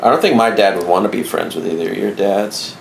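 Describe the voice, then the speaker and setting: A man with an Albany, New York accent, trading dry, deadpan jabs as a podcast co-host in casual comedic banter. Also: on the low side, fairly quick, vocal fry, reverberant, a little hiss or hum.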